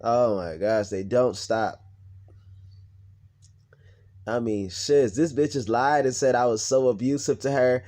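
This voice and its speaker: A man's voice: mid-range voice, steady tone, slow pace, long pauses, mellow. A young man vlogging, telling a personal story in a blunt, heated, profane rant.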